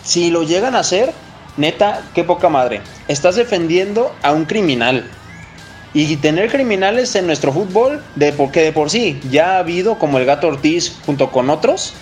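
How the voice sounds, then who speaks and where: Male Mexican football host, fairly high voice, slangy and blunt casual opinion talk, some music behind. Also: lively intonation, moderate pace.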